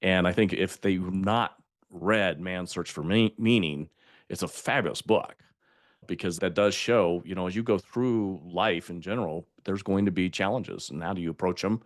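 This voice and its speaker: A man's voice: fairly low pitch, dry recording, clean studio sound. An older man speaking as a podcast guest, telling stories in an emphatic way and laughing at himself. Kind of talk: conversational interview.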